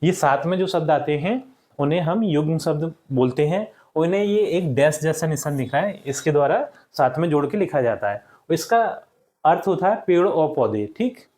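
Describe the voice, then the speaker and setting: Young guy teacher doing a kids lesson, bit high voice, drags out each word for dictation, keeps checking in with the class. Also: animated, moderate pace, darkish tone. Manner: addresses the class as children, checks with "ठीक". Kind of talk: recorded lesson for schoolchildren.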